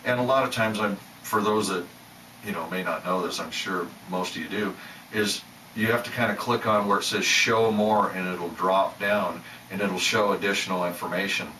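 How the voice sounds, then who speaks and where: A man's voice: sits low, steady tone, normal speed, sharp tone, echoey room, far from the mic, slight background noise, poor audio. A man hosting his own channel, talking in a rambling, self-doubting way with many restarts. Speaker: channel host. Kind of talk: rambling casual monologue.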